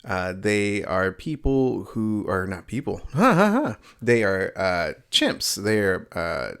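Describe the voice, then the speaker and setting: A man's voice: fairly low pitch, slow, clean tone. A man hosting his own home video review channel, talking casually with lots of fillers and restarts. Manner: rambling, many fillers and restarts; upbeat, excitable opening.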